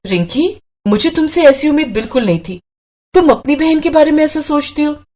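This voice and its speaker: A woman voicing a kind young new bride in a cartoon who speaks calmly and gently. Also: sits high, moderate pace, slight background noise, pitched above the performer's own voice. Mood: reproachful.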